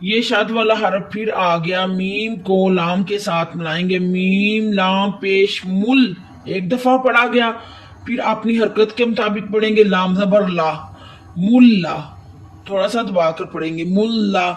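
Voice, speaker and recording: Male tajwid teacher with a Pakistani Urdu accent, unhurried and methodical, drawing out each recited word; voice sits back from the mic. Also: high-pitched, steady tone, far from the mic. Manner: slow, patient explanation with drawn-out recited words. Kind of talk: step-by-step tajwid lesson.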